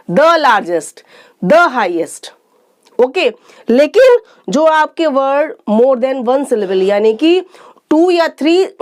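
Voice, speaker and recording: A woman teaching a grammar lesson, explaining step by step, asking questions and answering them herself, and reading example sentences slowly and deliberately. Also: high voice. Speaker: English teacher. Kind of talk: classroom-style grammar lesson.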